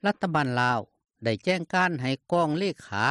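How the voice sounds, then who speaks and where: A male news reporter with a Lao accent reads a script in a fairly high voice. His intonation is very animated, and the sound is dry and close. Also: normal speed, clear, resonant tone, dry recording.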